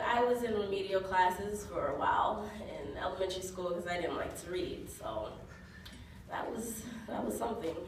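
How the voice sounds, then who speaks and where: A woman performing a stand-up comedy set, telling stories deadpan and often laughing at her own jokes. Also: medium pitch. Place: comedy club stage. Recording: echoey club recorded from far off. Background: audience laughter and noise.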